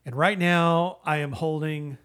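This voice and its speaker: A man who co-hosts a podcast, giving a casual, rambling and halting review in a conversational style. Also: fairly high pitch, steady tone, a bit bright, smooth. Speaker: podcast co-host, beer reviewer. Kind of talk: casual beer review chat.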